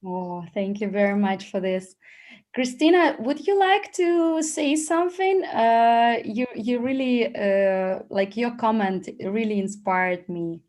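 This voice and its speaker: Brief: female host of a video call, slightly high voice, encouraging and thankful. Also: lively intonation, slow, darkish tone. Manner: friendly, encouraging, thanks each speaker.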